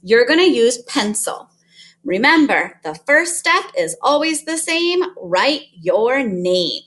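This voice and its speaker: A woman's voice: fairly high pitch, sing-song, takes it slowly, a bit bright. A woman teaching kindergarten math in a sing-song kids show host manner, speaking directly to children and counting along.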